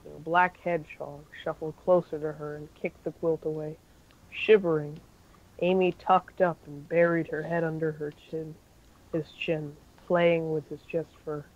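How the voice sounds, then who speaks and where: A man's voice: on the high side, level tone, a little slow, dull audio. A man reading a fan-fiction story aloud in an amateur style, with occasional slips and self-corrections.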